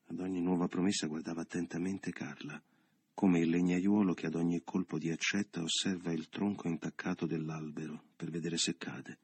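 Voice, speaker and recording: A man narrating a novel as an audiobook in a measured, literary way. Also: low-pitched, little pitch movement, a little mellow, slightly rough, dry recording.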